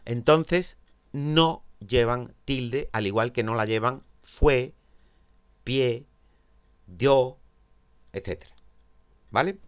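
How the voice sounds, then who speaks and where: A man's voice: mid-range voice, drawn-out words, pauses often, clean tone. A man from Spain with a Peninsular Spanish accent, teaching a grammar lesson step by step and checking in with his students. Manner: explains step by step, checks in with "¿vale?".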